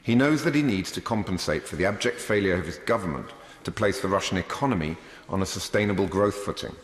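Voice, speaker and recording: A British man giving a formal parliament speech as a member, measured, rhetorical and emphatic in delivery. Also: low voice, lively intonation. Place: large debating chamber. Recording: echoey hall, long reverb.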